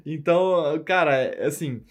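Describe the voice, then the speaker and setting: A man's voice: on the high side, measured pace. A man retelling a tabletop game session in slangy casual chat, laughing as he goes.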